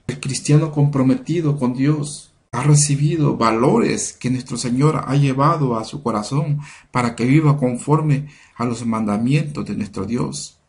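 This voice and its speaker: A man giving a sermon-style Bible lesson in an earnest, measured way, building his points through repeated phrases. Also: medium pitch, darkish tone. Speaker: Bible study teacher.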